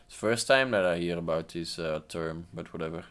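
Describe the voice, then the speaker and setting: A man's voice: low voice, fairly quick, fairly bright tone, smooth. A man streaming casually, reading online posts aloud and adding rambling offhand asides. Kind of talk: casual livestream commentary.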